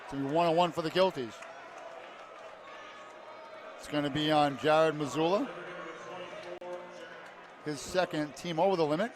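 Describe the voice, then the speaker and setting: Man, basketball play-by-play, clipped calls, slightly high voice, loud crowd and arena noise behind. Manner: rapid clipped calls, rising to shouts on big plays. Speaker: play-by-play announcer. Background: cheering crowd, bouncing basketball.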